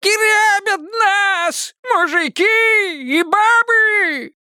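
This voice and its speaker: A man voicing a shrill, squealing old male villager in an audiobook. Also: extremely slow, sharp tone, no room sound, clean studio sound, full character voice.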